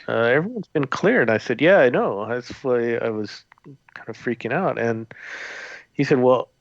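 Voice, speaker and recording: A man of middle pitch tells a story in an easy, rambling way, full of fillers and restarts. The audio is dull and lo-fi, with a dry, close sound and no room around it. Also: no room sound. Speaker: guest, former theme park custodian. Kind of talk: conversational storytelling.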